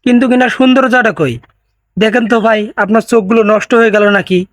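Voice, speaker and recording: A man's voice: very high-pitched, fast, a little hiss or hum. A man hosting a comedic roast video, teasing and sarcastic in tone. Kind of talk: mocking comedic roast narration.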